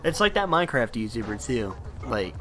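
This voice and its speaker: Young man, podcast co-host, blunt and rambling, average pitch, casual chat. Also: very animated, fairly quick, crowd noise. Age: young adult. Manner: blunt, talks in run-on bursts.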